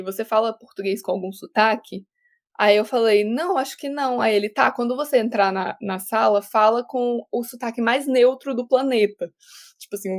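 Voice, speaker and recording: A young woman from Brazil, an actor, chatting casually as a guest over a remote call, talking with many restarts and quick laughs. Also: on the high side, a little mellow. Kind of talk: casual interview chat.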